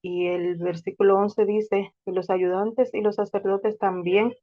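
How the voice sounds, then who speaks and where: A woman speaks earnestly and reflectively, giving a personal faith testimony at a middle pitch. The sound is dull and lo-fi, and she now and then stumbles and restarts a word. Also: fairly even intonation, unhurried.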